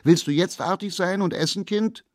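A man putting on a shrill, scolding fairy-tale mother. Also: no echo, clean studio sound, close to an everyday voice. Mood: stern calling. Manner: shrill, loud, hurried calling. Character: stern mother scolding her naughty child.

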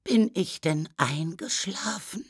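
A narrator voicing a drowsy, grumpy old baroness woken from sleep. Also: female voice, mid-range voice, slow, breathy edge, dry recording, studio quality, pitched above the performer's own voice. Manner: sleepy grumbling.

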